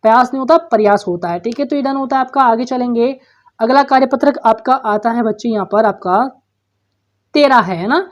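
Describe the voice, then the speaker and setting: A woman's voice: on the high side, moderate pace. A woman teacher, patiently working through workbook answers, asking questions and repeating the answers for young pupils. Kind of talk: workbook solution lesson.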